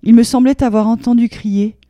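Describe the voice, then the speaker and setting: Brief: cold, scoffing husband, voiced by a woman storyteller, dark mellow tone, dry close sound. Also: a little high, steady tone, normal speed, no room sound, natural voice. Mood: irritated, scoffing. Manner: cold, sarcastic retorts. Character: irritated dismissive husband, sarcastic, bored.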